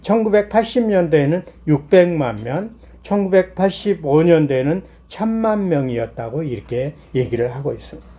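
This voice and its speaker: Slightly hoarse from a cold, a middle-aged pastor from South Korea delivers his Sunday sermon one point at a time. His voice leans high and mellow.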